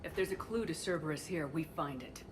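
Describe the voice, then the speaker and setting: A woman's voice: sits low, fairly quick, noisy background, lightly acted. An actress playing a resolute female military commander in a video game, with clipped, commanding delivery. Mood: determined.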